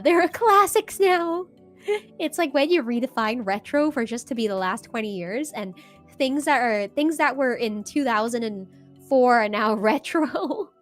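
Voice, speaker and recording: A woman chatting casually on a livestream in a playful, giggly, bubbly anime-streamer manner, with music behind her. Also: on the high side. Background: background music.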